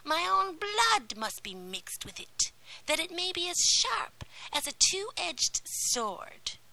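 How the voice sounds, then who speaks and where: A woman voicing a scheming old female sea witch in a whispered role-play fairy tale, shrill and drawn out. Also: sing-song, takes it slowly, bright, forceful tone, heavily acted, poor audio. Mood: demanding.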